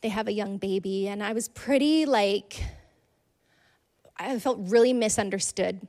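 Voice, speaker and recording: A woman telling a personal faith story to a congregation, earnest and conversational, with frequent "like"s and soft laughs. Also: medium pitch, a little slow. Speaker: speaker sharing a testimony. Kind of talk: personal testimony in a church talk.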